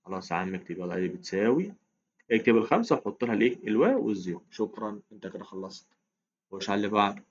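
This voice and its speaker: A man's voice: fairly low pitch, lively intonation, racing, highs cut off, a little hiss or hum. A man with an Egyptian accent teaching a math lesson in a chatty, coaxing way, counting aloud as he works. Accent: Egyptian Arabic. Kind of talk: casual explained lesson.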